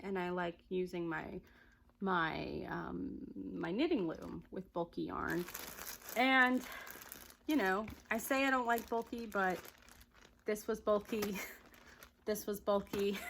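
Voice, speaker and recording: A chatty woman with a Southern accent and a gravelly, mid-range voice rambles cheerfully through a casual yarn vlog, laughing often. The recording is low quality, with slight background noise.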